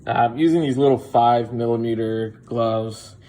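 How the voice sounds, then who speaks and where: Working in his garage, a young man casually talks through a car repair one step at a time for his DIY video, using frequent fillers. He speaks at normal speed in a medium-pitched, steady, mellow voice.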